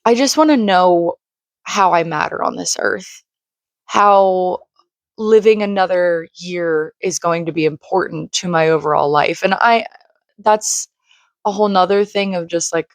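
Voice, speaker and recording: A woman's voice: on the low side, normal speed, dry recording. A woman in her late twenties, slightly crackly from screaming, talking earnestly in a rambling casual monologue full of "like". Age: late 20s. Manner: rambling, heavy use of "like", earnest. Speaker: vlogger. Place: home room by a shared wall.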